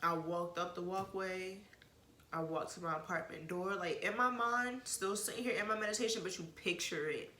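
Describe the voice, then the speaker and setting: Speaking at a moderate pace in a fairly low, bright, forceful voice, a woman vlogger candidly shares an emotional story from her life, cursing often and wandering off on tangents. There's slight background noise and a roomy echo.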